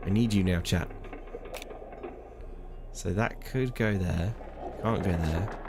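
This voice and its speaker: A let's-play streamer with a low-pitched voice gives casual commentary on a mystery game, speaking slowly over background noise. He chats with his viewers and jokes at his own expense.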